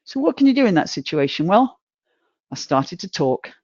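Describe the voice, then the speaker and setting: A middle-aged woman giving a humorous motivational talk, chatty and self-mocking, with sudden jumps in pitch. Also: big pitch swings, moderate pace, a little mellow, slightly rough, no echo, muffled recording. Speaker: motivational speaker.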